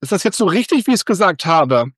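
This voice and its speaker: A man hosting a podcast, with an upbeat, lively presenting manner. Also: high voice, brisk, no room sound, studio quality. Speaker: podcast host.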